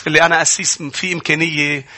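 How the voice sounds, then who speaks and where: A pastor preaching a sermon in a Lebanese Arabic accent, rising from quiet storytelling to loud, impassioned shouts. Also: male voice, on the high side, little pitch movement, rapid-fire, heavy background noise.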